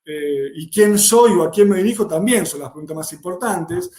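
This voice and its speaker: A man's voice: high-pitched, moderate pace, a little mellow, echoey room. A man giving an explanatory workshop lecture, repeating key questions to drive points home. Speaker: workshop instructor. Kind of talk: online lecture.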